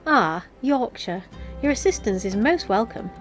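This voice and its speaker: Measured, formal female sleuth for a fantasy game, a woman reading the part, slightly high voice, music underneath. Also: animated. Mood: composed. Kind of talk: video game dialogue read aloud.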